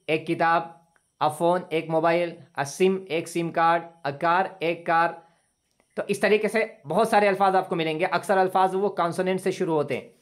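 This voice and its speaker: Guy teaching english on a video call, patient, repeats stuff, drags out the examples slow. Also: high-pitched. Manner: patient, repetitive explaining, slowly drawn-out example sentences. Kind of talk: online class lecture.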